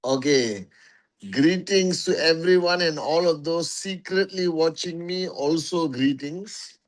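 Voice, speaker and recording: Man on a livestream, slightly high voice, unhurried, greets followers by name, repeats himself for emphasis. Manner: greets viewers one by one, calls them warriors; slow, emphatic, repeats phrases. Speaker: network marketing leader hosting a livestream. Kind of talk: casual livestream address to followers.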